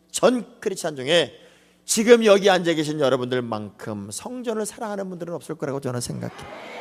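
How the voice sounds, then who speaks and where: A Korean man preaching a revival sermon as pastor, swinging from loud cries to soft asides and acting out short scenes. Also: fairly high pitch. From South Korea. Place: large church sanctuary. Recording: long echoing hall reverb.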